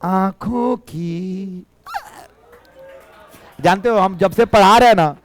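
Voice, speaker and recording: A male physics teacher with a Bihari Hindi accent, a little hoarse, teasing and coaxing his students to answer in a live classroom lecture. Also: high voice, a little fast.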